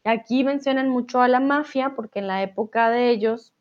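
A woman teaching Spanish in a live online lesson, explaining words slowly and spelling them out letter by letter. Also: a little high, muffled recording.

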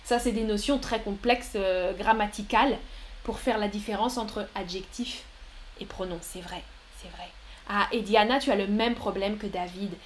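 A woman's voice: mid-range voice, fairly even intonation, moderate pace, slight background noise. A woman teaching French on a live stream, patiently explaining grammar with examples and often praising viewers' answers. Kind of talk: live-stream language lesson answering chat.

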